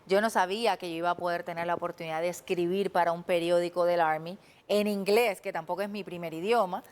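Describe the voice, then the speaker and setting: A Puerto Rican TV journalist in her thirties, a guest in a studio interview, tells her story earnestly in a fast, lowish voice with a Puerto Rican Spanish accent. She is animated and quotes her own past thoughts.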